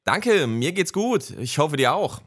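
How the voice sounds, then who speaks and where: A man hosting a podcast who translates his guest's answers line by line in a steady, plain way. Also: fairly high pitch, unhurried. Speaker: podcast host and interpreter. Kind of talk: podcast interview with German interpretation.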